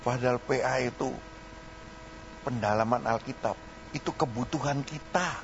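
A man's voice: mid-range voice, moderate pace. An older man with a Javanese accent, preaching a folksy sermon as pastor that rises into fervent exhortation. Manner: folksy, mixing in local dialect, rising to preaching fervor. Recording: dull lo-fi recording, faint hum.

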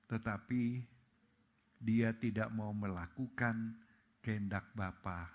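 A man preaching a sermon, swinging between loud calls and soft, low phrases. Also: fairly even intonation, slow pace. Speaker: pastor. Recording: dull lo-fi recording.

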